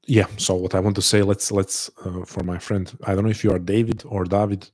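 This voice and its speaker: During a live online call he hosts, a man speaks to his audience with a low, slightly mellow voice, brisk and flat in delivery. He sounds thoughtful and earnest, often repeating words and restarting phrases while thinking aloud.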